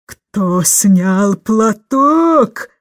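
A woman voicing a stern, domineering old governess who shouts slow, indignant commands. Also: mid-range voice, no room sound, studio quality, lightly acted. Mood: furious.

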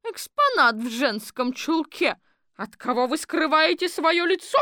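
Woman putting on a loud shrill bossy sporty lady, high and pushy, dry sound. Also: expressive, unhurried, dry recording, heavily acted. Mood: suspicious. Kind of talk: audiobook character voice.

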